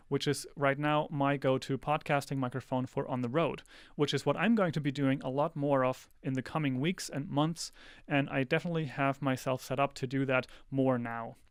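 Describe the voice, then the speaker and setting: A man giving a relaxed, explanatory product comparison into a close podcast microphone, with a few small restarts. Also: fairly high pitch, clean tone, dry recording. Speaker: tech reviewer. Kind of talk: casual product comparison talk. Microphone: close handheld-style podcast mic.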